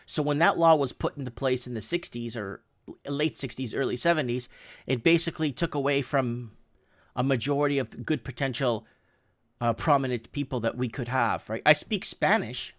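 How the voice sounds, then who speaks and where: On his livestream, a middle-aged man who grew up speaking Portuguese goes through news headlines casually, tossing in rambling, sarcastic comments. His mid-range voice has a fairly bright tone and a moderate pace.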